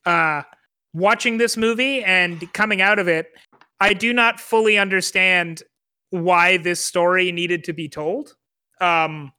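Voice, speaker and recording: A man's voice: high voice, bright, forceful tone, clean tone. A man co-hosting a film podcast, chatting casually and hesitantly, with many fillers and restarts. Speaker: podcast co-host.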